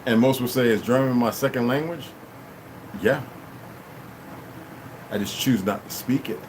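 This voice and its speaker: This man, hosting a livestream from a room at home, has a mid-range voice and talks a little slowly. He chats casually and rambles, thanks donors, and keeps asking "you know what I mean," while an air conditioner hums steadily behind him.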